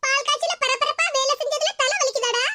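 A woman's voice: fairly quick, pushed and bright, dry recording. A woman voicing a scheming, sweet-talking neighbor woman in a cartoon, with a Tirunelveli Tamil accent. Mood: gushing. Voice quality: high and squeaky. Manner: coaxing, sugary, then plotting. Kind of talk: cartoon voice acting.

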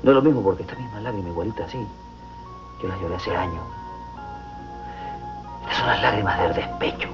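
A man's voice: sits low, racing, close to an everyday voice. An actor playing a lovesick, self-pitying comic man with a Venezuelan accent, rambling melodramatically. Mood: lovelorn. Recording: dull TV audio with music.

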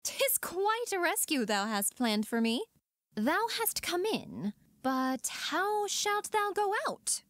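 A woman playing a proud, sharp-tongued young princess, declaiming in Shakespearean verse. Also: extremely high pitch, sing-song, slow, no room sound, clean studio sound, exaggerated voice. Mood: scornful, bold. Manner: scornful, declamatory. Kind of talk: amateur dramatic reading in Shakespearean verse.

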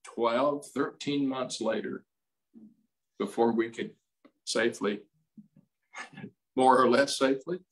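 A man in his eighties preaching a sermon as pastor, slow and emphatic in a folksy way, recorded on a desk mic in a small room. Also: mid-range voice, fairly even intonation, low-quality recording. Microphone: desk mic on stand, streamed over video call.

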